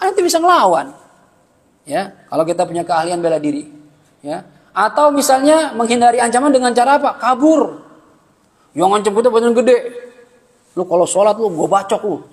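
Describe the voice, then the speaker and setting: A man teaching an Islamic study class, lively and joking, with slangy asides and acted-out bits of dialogue. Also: high-pitched, in a large hall. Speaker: religious teacher.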